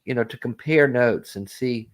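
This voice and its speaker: A man hosting a call-in talk show in easygoing conversation. His voice sits at an ordinary pitch for a man, and he talks in an animated, chatty way, laughing often between thoughts. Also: normal speed. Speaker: host. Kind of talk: casual chat.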